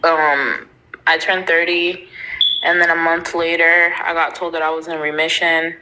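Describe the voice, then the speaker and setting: A woman's voice: low voice, flat delivery, unhurried, noisy background. Candid woman in her thirties on a live stream. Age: 30s. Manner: candid, reads viewer comments aloud and answers them. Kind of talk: casual live-stream chat.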